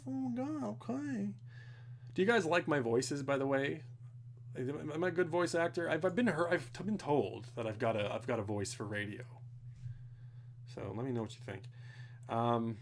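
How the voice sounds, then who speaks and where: A young man streaming from home rambles through viewers' technical questions in a casual live Q&A, swearing occasionally. His voice is mid-range, with a little hiss or hum on the recording.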